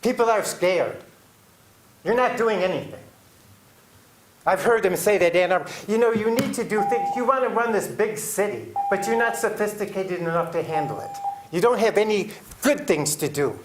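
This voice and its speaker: A man's voice: high voice, lively intonation, moderate pace, reverberant, a little hiss or hum. A man giving an agitated, pleading public comment at a city council meeting.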